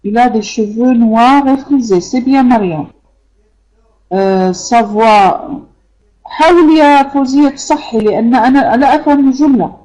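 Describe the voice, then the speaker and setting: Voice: mid-range voice, fairly quick, darkish tone, highs cut off. A French teacher with Arabic as a first language, correcting students' sentences in an online class, hesitant with many fillers and patient repetition. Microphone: computer microphone in an online class.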